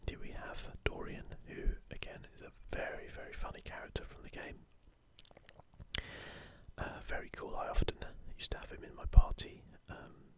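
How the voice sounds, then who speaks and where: Leafing through an art book, the video host murmurs observations in an unvoiced ASMR whisper. She sounds relaxed, quiet, and informal, never rushing.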